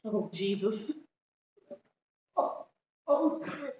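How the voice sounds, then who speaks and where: A woman's voice: medium pitch, big pitch swings, very slow, a little mellow, lo-fi sound. A woman co-host adding short reactions and agreeing in a casual chat. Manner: brief chiming-in reactions.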